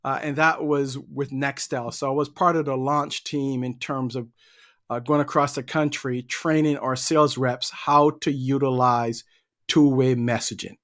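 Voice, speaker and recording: A middle-aged man from Barbados talks casually as a guest on a podcast. His pitch sits in the middle of the range for a man. He answers at a relaxed pace and often repeats a word or two while he gathers his thoughts. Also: a little slow. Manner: easygoing, repeats words while thinking. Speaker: guest, leadership trainer.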